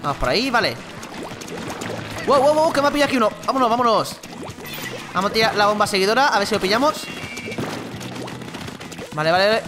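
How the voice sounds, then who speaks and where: A gaming channel host with a Spain Spanish accent giving chatty, excitable gameplay commentary. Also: medium pitch. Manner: excitable, chatty, exclaims and laughs during play.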